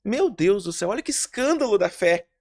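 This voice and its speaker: A man, a pastor, telling a testimony story in a lively, animated way. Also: sits high, fairly quick.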